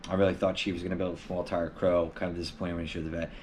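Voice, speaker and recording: Man, live stream host, very low voice, rambling, filler-heavy, casual, at home. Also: flat delivery, very fast, a little mellow, slight background noise. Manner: rambling, loose, lots of filler words. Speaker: live stream host answering viewer questions.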